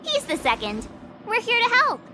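A bubbly young heroine. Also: female voice, very high-pitched, huge pitch swings, background noise, exaggerated voice. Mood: excited. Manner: bubbly and playful, quick to tease. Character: cheerful, eager young woman adventurer. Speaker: game character. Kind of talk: video game voice acting.

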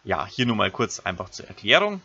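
Husky man teaching grammar. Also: on the low side, sing-song, brisk, pushed and bright, dull audio. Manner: explains step by step, addressing pupils directly. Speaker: Latin teacher. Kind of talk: recorded grammar lesson.

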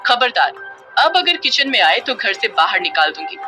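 Brief: quick-retort young woman, shy underneath, storybook drama, read by a woman. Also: mid-range voice, sing-song, music in the background, close to an everyday voice. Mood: sharp.

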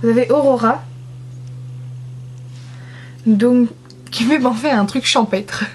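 A woman's voice: fairly high pitch, slow, darkish tone, a little hiss or hum. A young woman from France chatting casually through a makeup swatch review, enthusiastic and self-mocking. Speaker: beauty vlogger.

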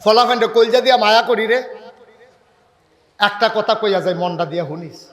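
Man, preacher, high voice, Islamic sermon, fiery, shouting, rhetorical questions. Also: moderate pace.

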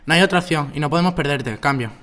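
A teenage boy playing a calm military base operator in an amateur radio drama, using formal procedure talk over a radio. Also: a little high, fast talker, heavy background noise, natural voice. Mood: regretful. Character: military control-tower operator, calm and apologetic. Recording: loud music behind.

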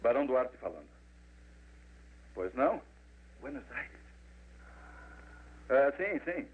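An actor dubbing a suave baron in an old film, with a slightly hesitant way of talking. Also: male voice, medium pitch, big pitch swings, slow pace, husky, heavily acted. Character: smooth charming baron, husband. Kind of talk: 1940s Brazilian Portuguese film dub. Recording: tinny old film dub.

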